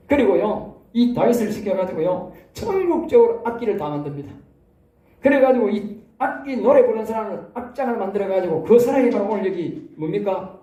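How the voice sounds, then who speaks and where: A Korean pastor with a Gyeongsang accent, preaching in a lively, folksy way and often tossing rhetorical questions at the congregation. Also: male voice, sits high, reverberant. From South Korea. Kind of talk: sermon. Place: church hall.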